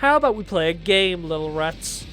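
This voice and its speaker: A man's voice: high-pitched, expressive, moderate pace, fairly bright tone, faint music behind. A man voicing a taunting evil father and mastermind in a dramatic story, with a theatrical villain drawl.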